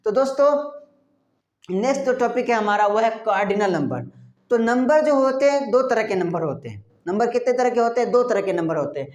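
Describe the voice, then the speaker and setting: A woman with an Indian accent, a native Hindi speaker, teaches a beginners' English lesson in a reverberant space. Her fairly high, slightly mellow voice moves a little fast with lively intonation, and she repeats words over and over while posing rhetorical questions.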